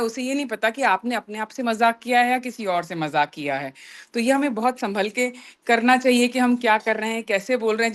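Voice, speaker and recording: A woman's voice: a little high, a bit bright. A woman leading a motivational business meeting, explaining with everyday examples in an earnest way. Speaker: business team leader. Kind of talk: motivational group talk.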